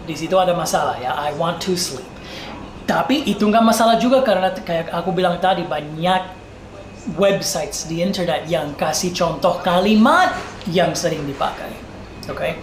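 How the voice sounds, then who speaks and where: A woman with an American accent, a native English speaker speaking Indonesian as a foreigner and mixing in English, teaching in a casual, emphatic tutorial style with repeated example phrases. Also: on the low side. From United States. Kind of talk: casual tutorial for online video. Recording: roomy echo, faint background noise.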